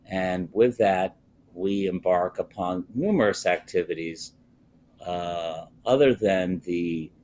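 An older man speaking as a guest on a live TV interview over a video call from a wood-panelled office, measured and pausing often with "uh". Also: sits low, a little mellow, slight background noise. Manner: slow, measured, frequent "uh" pauses. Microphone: video call, webcam close up.

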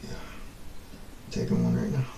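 A man in his twenties hosting a casual stunt vlog, talking in halting bursts and exclamations as he deals with the cold. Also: mellow. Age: 20s. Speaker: video host. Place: small bathroom, in the tub, filmed by another person's handheld camera. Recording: echoey bathroom with noticeable background noise.

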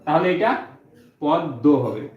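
A man's voice: on the high side, animated, unhurried. A male teacher walks through each rule step by step and says every point twice. The sound is roomy and dull, with a lo-fi edge. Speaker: Bangla teacher. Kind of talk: online exam-prep lesson.

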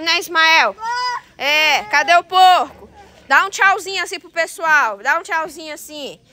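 A high-pitched woman chats to her viewers while she films outdoors on a farm with her phone. Her voice is bright and clear, and she keeps coaxing the animals with quick repeated calls. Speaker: vlogger. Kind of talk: casual farm vlog.

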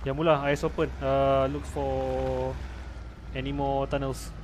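A man's voice: mid-range voice, level tone, a little slow. A Malaysian-accented man in casual tactical game chat, speaking colloquial English mixed with Malay and particles like "ah", over a noisy voice connection. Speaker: squad player in online military game.

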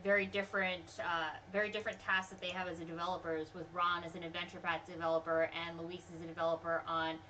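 A woman co-hosting a casual chat show, bantering quickly with her co-host. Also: lowish voice, little pitch movement, pushed and bright, a little hiss or hum, low-quality recording. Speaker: podcast co-host.

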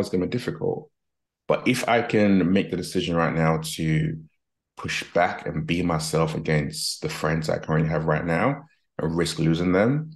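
A man from Nigeria who grew up in Britain, a guest executive coach earnestly telling his story over a video call on a headset. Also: low-pitched. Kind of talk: reflective storytelling. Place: home office, video call.

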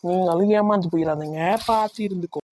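A woman's voice: on the low side, fast, darkish tone, natural voice. A woman playing a blunt, teasing married son in a cartoon, with a Tirunelveli Tamil accent. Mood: warning. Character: blunt grown son, married, cheeky toward his mother.

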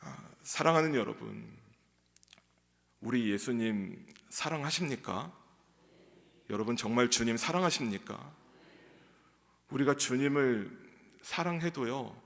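Male pastor, sermon, gravelly voice, long reverb of a church hall. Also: a bit bright. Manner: acts out quoted lines in a raised pitch. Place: church sanctuary.

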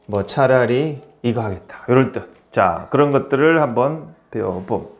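A man's voice: medium pitch, expressive, normal speed. A man teaching an English grammar lesson in a small academy classroom, explaining step by step and quizzing his students with questions.

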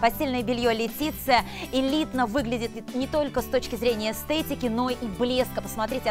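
A woman presenting as a shopping channel expert, with a polished, emphatic and admiring sales delivery. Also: on the high side. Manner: emphatic, admiring product explanation. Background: background music.

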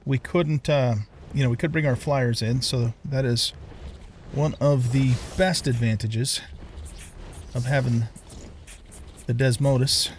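A man's voice: mid-range voice, fairly even intonation, slow pace, long pauses, slight background noise. An older man hosting a let's play, chatting casually and thinking aloud with lots of fillers as he plays. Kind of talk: casual gameplay commentary.

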